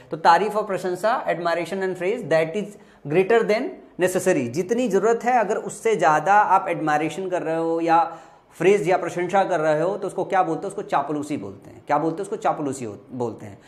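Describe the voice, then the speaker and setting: A young man teaching an exam-prep vocabulary lesson, explaining patiently and asking and answering his own questions. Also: high-pitched. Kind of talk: exam-prep lesson, Hindi mixed with English.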